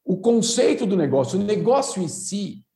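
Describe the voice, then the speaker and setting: A man's voice: high voice, sing-song, moderate pace, mellow. A man of fifty from Brazil, a consultant guest on a podcast, explaining in a reflective, teacherly way with many fillers and restarts. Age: 50s. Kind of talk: podcast interview. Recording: roomy echo.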